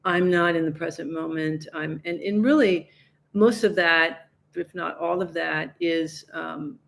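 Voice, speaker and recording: A woman giving a live-stream spiritual talk, gentle and reflective, often restarting her sentences and voicing her own inner questions. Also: sits low, fairly even intonation, measured pace, creaky. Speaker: spiritual teacher on a livestream.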